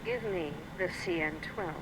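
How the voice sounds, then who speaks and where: Woman voicing a cold Sith villain, low voice, menacing, loud noise under the game audio. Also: normal speed, lightly acted. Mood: cold menace. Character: ruthless cold female Sith warrior. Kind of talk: video game voice acting.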